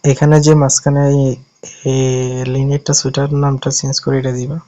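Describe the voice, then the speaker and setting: A man's voice: mid-range voice, completely flat delivery, brisk, warm tone, dull audio. A man from Bangladesh talking through an app-building tutorial step by step in a casual way, often correcting himself as he goes. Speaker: tutorial host.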